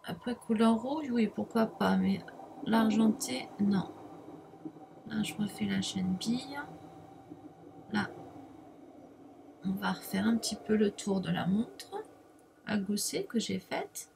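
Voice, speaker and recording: A woman's voice: mid-range voice, slow, gravelly, pauses often, noisy background. A middle-aged woman with a French accent chatting casually through a crafting tutorial, jokey and self-deprecating, dropping "hein" and fillers as she works. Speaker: craft video host. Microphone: webcam mic at the desk.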